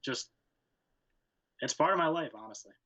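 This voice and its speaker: A man's voice: on the high side, lively intonation, moderate pace, sharp tone, highs cut off. A young man from Connecticut answering interview questions about fishing, laid-back and plain-spoken with short answers. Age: young adult. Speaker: guest angler.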